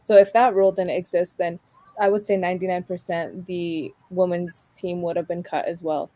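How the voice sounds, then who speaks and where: Mellow, lowish young woman in conversation. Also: steady tone, moderate pace, no echo. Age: 20s. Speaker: club soccer player and founder. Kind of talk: conversational interview answers.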